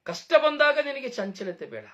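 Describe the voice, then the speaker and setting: A man preaching a sermon, emphatic, with repeated phrases and rhetorical questions, dropping to a soft low voice when he asks them. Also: sing-song, normal speed, lo-fi sound. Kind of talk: Kannada sermon.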